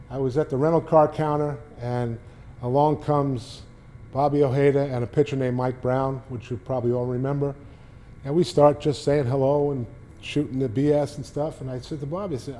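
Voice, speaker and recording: A former sports beat writer in his sixties, with a Boston accent, gives a casual storytelling talk as a guest speaker at a public library. He rambles through anecdotes with many restarts. His medium-pitched voice is mellow and flat at a moderate pace.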